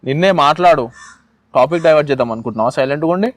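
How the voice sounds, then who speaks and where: A man's voice: fairly high pitch, very fast, dry recording. A young man acting in a love drama, pleading and insistent, repeating himself. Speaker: lead actor in a web drama. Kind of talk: acted love-drama dialogue.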